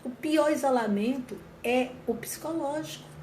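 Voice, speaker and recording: A woman's voice: high voice, normal speed, darkish tone. A woman giving an earnest reflective talk on mental health to viewers, often repeating and rephrasing herself. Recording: echoey room, faint ambient noise.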